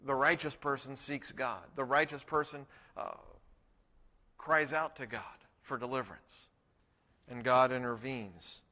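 A man's voice: medium pitch, unhurried, sharp tone, in a large hall. A middle-aged man preaching a sermon as pastor, in a conversational way with frequent restarts.

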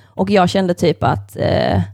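A woman's voice: fairly low pitch, vocal fry. A young woman hosting a podcast, telling personal stories casually, swearing freely and acting out what other people said, with lots of filler words. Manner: animated storyteller, swears freely, acts out other people's lines; heavy use of fillers like "like" and "kind of". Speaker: podcast host.

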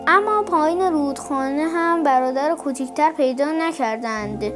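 A woman narrating a folk tale in a clear, measured storytelling manner. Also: high-pitched, music in the background.

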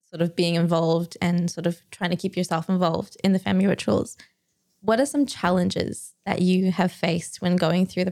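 A woman's voice: lowish voice, a little mellow. A woman hosting a casual podcast interview, who laughs easily and keeps up frequent encouraging backchannels while she asks questions. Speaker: podcast host.

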